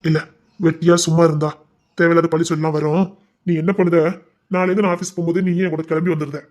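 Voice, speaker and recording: A man's voice: a little high, little pitch movement, quick pace, darkish tone. A man playing a stern, insistent husband who scolds his wife in a colloquial family drama.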